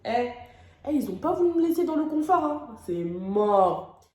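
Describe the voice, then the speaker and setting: A woman's voice: high voice, big pitch swings, normal speed, mellow. Young woman telling a dramatic story. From France. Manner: emotional, dramatic storytelling with slang. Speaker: vlogger. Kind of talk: storytime vlog. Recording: echoey room.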